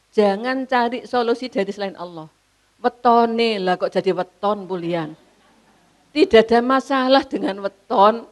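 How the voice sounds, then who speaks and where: An older woman with a Javanese accent giving a religious lecture, answering a question in an animated way and reciting verses slowly. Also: fairly high pitch. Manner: animated, mixes in local dialect, laughs, recites verses slowly. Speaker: preacher.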